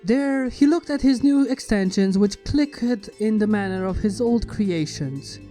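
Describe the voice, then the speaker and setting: A narrator whose sex is hard to tell reads a scripted fan fiction story dramatically, in an unhurried, mid-range voice with a dark tone. Music plays behind the voice.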